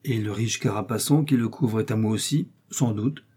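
A man's voice: on the low side, moderate pace, warm tone, breathy edge. A man voicing Aramis, a refined, pious young male musketeer who is in pain, in a read novel. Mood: admiring.

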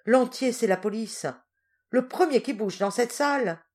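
A woman's voice: fairly high pitch, a little slow, a little mellow, pitched above the performer's own voice. A woman reading aloud, voicing a startled male ruffian who cries out in alarm. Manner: alarmed exclaiming.

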